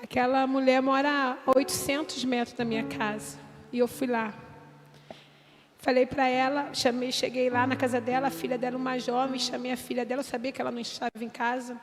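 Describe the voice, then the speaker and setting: A woman's voice: sits high, flat delivery, brisk. A Brazilian woman, a pastor's wife, tells her church testimony in an emotional, intense way, with music playing behind her. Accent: Brazilian Portuguese. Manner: emotional, intense storytelling with acted quotes. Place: church hall. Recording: reverberant hall with music behind.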